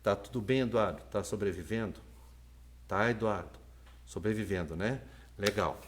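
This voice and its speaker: A man giving a live online lecture on sign language interpreting, talking fast and checking in with listeners constantly. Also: mid-range voice, darkish tone.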